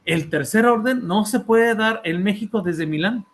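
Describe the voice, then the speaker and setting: This author and therapist, speaking with a Mexican Spanish accent, introduces his book in an academic setting at normal speed. His voice sits high, and he frequently stalls with fillers and repeated words while checking in with listeners.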